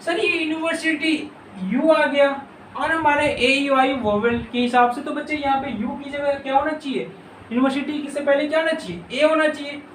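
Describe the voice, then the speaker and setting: A man teaching an English grammar lesson in Hindi, repeating words slowly and calling his students children. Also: very high voice, a bit bright, slight background noise. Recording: echoey room, mic at a distance.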